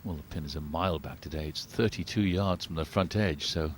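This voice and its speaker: A man giving live golf commentary as the lead commentator, in a measured, understated, conversational way. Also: extremely low pitch, a little hiss or hum.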